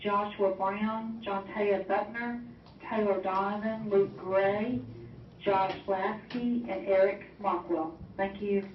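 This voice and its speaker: A woman making a polite, formal announcement over a school intercom loudspeaker, reading out a list of names slowly. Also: mid-range voice, steady tone, slight background noise. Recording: muffled distant intercom in echoey classroom.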